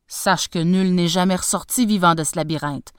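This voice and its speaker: A woman's voice: on the low side, normal speed, clean tone, dry recording, studio quality, voice pushed down, lightly acted. A woman voicing a grave, sorrowful old king speaking to his son, solemn and weighty.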